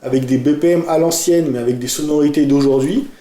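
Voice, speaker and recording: A man co-hosting a casual music podcast, talking about a song he loves with frequent hesitations and clear enthusiasm. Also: fairly high pitch, steady tone, quick pace, mellow, slight background noise. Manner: hesitant, many fillers, enthusiastic. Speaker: podcast co-host presenting a song. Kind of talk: casual chat. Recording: echoey room.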